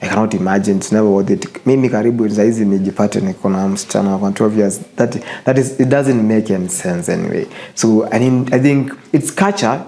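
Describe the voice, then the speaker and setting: A man's voice: on the low side, dark tone. A young man with a Kenyan accent hosting his show, giving casual, earnest advice to viewers, switching between English and Swahili and repeating phrases for emphasis. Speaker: show host.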